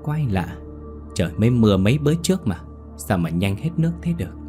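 A man's voice: very animated, fast, dark tone, soft background music. A man voicing a frightened young servant girl who cries out in panic. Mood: puzzled. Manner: shrill, panicked crying out.

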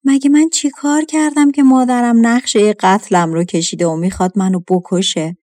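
A woman's voice: a little high, fairly even intonation, warm tone, no room sound, studio quality, natural voice. A woman voicing an innocent, beautiful young girl, bewildered and tearful, in a storybook tale.

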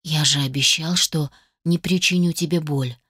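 A woman reading an audiobook voices a hot-tempered young man, speaking low and restrained. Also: steady tone, moderate pace, fairly bright tone, breathy edge, no echo, clean studio sound. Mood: soft.

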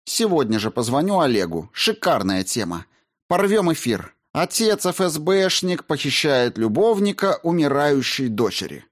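A man's voice: a little high, sing-song, moderate pace, pitched above the performer's own voice. A man voicing a defiant young woman who speaks coldly and mockingly in an audiobook. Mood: taunting. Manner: cold, biting, mocking. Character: defiant scornful young woman, sharp-tongued.

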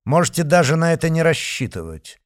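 A man's voice: fairly high pitch, big pitch swings, a little fast, pitched above the performer's own voice. A man voicing a dry, businesslike woman in an audiobook. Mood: curt. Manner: dry, curt, official.

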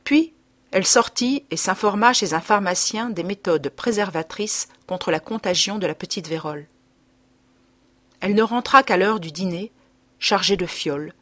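A woman narrating a classic story as an audiobook reader, clear and expressive. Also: mid-range voice, moderate pace, dry recording. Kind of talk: scripted narration.

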